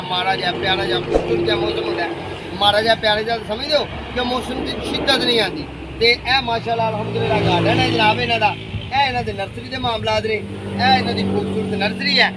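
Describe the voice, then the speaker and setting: A man with a Punjabi accent chats his way through an outdoor city nursery for his gardening channel, greeting viewers warmly and repeating himself often. His voice sits high for a man. Clear street and traffic noise runs underneath. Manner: chatty, repetitive, affectionate greetings to viewers. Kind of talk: casual gardening vlog walkthrough.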